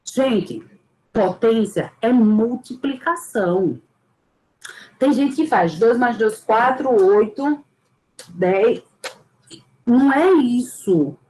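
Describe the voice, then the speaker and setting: Slow, high-voiced woman teaching math. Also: lively intonation, warm tone, echoey room, rough recording. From Brazil. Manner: patient, repeats key points slowly and emphatically. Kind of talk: classroom math lesson.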